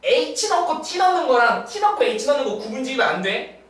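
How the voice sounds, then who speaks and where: A woman's voice: high voice, big pitch swings, moderate pace. A young woman tutors math one-on-one, her voice swinging up and down animatedly as she checks in with the student after every step. She sounds set back from the mic in a very echoey room. A faint hiss runs underneath. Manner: checks understanding with constant tag questions. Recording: roomy distant mic with faint noise.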